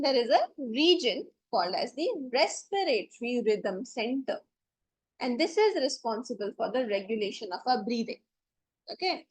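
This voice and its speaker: A woman's voice: a little high, rough recording. A woman teacher giving a classroom lecture, explaining step by step and often checking that students follow. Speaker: biology teacher.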